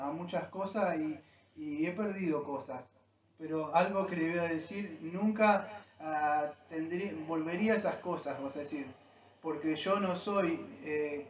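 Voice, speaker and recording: A man's voice: a little high, reverberant. Pastor guy preaching, keeps saying amados, dull lo-fi recording from far back in the church. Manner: addresses listeners as "amados", often pauses and restarts. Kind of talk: sermon. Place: church hall.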